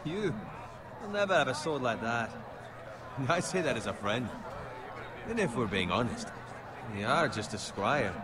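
Wry teasing soldier. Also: male voice, mid-range voice, big pitch swings, measured pace, pauses often, a crowd in the background. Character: mocking male soldier teasing a squire. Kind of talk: video game dialogue. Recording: game audio with background noise.

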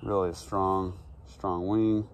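A man in his forties, a pigeon breeder, calmly showing birds in his backyard and talking in an unhurried, matter-of-fact way with frequent ums, recorded on a handheld phone. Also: deep voice. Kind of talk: casual show-and-tell. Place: backyard outdoors. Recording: faint outdoor background noise.

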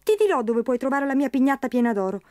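A woman's voice: animated, fast, darkish tone, dry recording, studio quality. A woman voicing a tiny, crafty male leprechaun shoemaker who is wheedling and tricky in a storybook reading. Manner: shrill, pleading, tricky.

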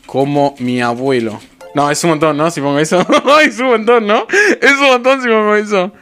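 A young man with an Argentine accent streaming a game, talking excitedly to his viewers and repeating phrases over and over. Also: high-pitched, normal speed, clean tone, faint music behind. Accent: Argentine Rioplatense Spanish. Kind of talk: live gameplay commentary.

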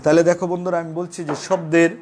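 A man's voice: on the high side, level tone, rapid-fire, a little mellow. A man with a Bangladeshi Bengali accent teaches a live online class in a slightly raised voice. He works through each point patiently, repeating examples and addressing his students as friends. A faint hiss sits under the recording.

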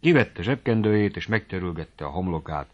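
A man reading a novel aloud as an audiobook narrator, calm and measured. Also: deep voice, lo-fi sound.

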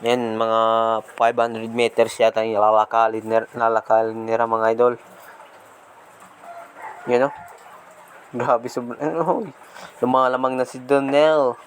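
A man with a slight lisp from missing front teeth, giving excited casual commentary as a vlog host outdoors. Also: medium pitch, unhurried, long pauses, poor audio. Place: outdoors on a rural road, partly riding a motorbike. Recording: outdoor noise, passing motorbikes.

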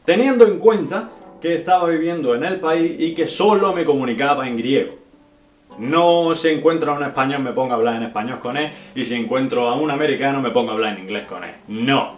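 A man's voice: mid-range voice, brisk. A young man from Spain, answering viewer questions in a casual vlog, clipping words and tagging sentences with "right?". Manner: chatty, drops syllables as "pa'", frequent "¿vale?" and "¿no?". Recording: echoey room with faint guitar music.

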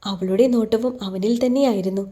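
A woman storyteller reading a romance novel aloud in a steady, measured way. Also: mid-range voice. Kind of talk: scripted audiobook narration.

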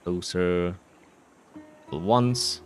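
A low-voiced man plays a video game and comments on it in a relaxed, playful way, frequently musing aloud to himself at length. Faint music sits behind him.

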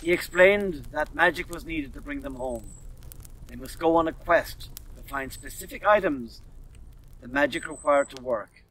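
A man reading a children's adventure story aloud in a steady, measured way, heard from a slightly distant mic. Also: fairly high pitch, vocal fry. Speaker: storybook reader. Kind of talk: scripted narration.

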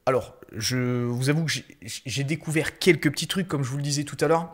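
A man giving casual gameplay commentary as a gaming YouTuber, hesitant with many fillers and restarts, breaking into excited outbursts. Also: mid-range voice, brisk.

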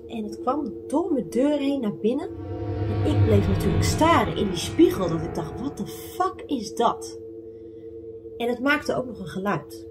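Chatty woman telling spooky stories over music. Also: on the high side. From Netherlands. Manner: chatty, many fillers, dips to whispers, rises to shouts when excited. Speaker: vlogger. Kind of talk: telling true ghost stories. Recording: music playing underneath.

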